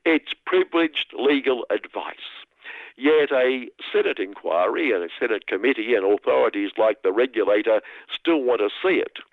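A man's voice: medium pitch, lively intonation, normal speed, vocal fry, dry recording. A man delivering scripted, sarcastic satirical commentary in mock outrage. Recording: dry, tinny radio line.

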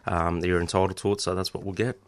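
A man's voice: low voice, level tone, fast talker. An Australian man chatting casually as a union rep, with a matey, blokey tradesman's way of talking. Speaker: union representative, podcast host. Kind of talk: casual chat.

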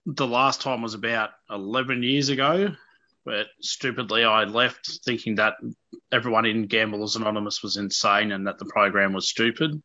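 A lowish, bright-voiced Australian man around thirty, talking candidly in an interview. His manner is informal and a little self-deprecating, with hesitations as he thinks. The sound is dry and slightly dull, like lo-fi radio. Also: dry recording. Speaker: interview guest.

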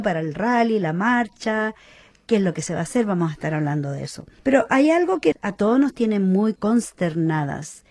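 A woman's voice: medium pitch, darkish tone. Chilean lady radio host, earnest, speaks her mind. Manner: earnest and outspoken. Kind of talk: community radio chat.

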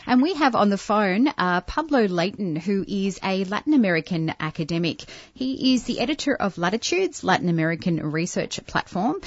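A woman's voice: mid-range voice, no echo. Woman hosting on AM radio. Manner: reads the guest introduction smoothly, then hesitates with many ums when asking questions. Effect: AM radio broadcast sound. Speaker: radio host. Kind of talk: community radio talk show hosting. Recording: dull, dry, lo-fi AM radio broadcast.

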